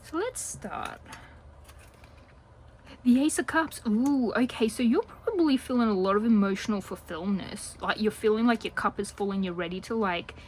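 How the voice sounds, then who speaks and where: A woman giving a casual general tarot reading to her viewers, chatty and rambling, drifting now and then into soft whispers. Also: medium pitch, a little fast, few pauses, rough recording. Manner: chatty and rambling, talks a lot. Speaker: tarot reader.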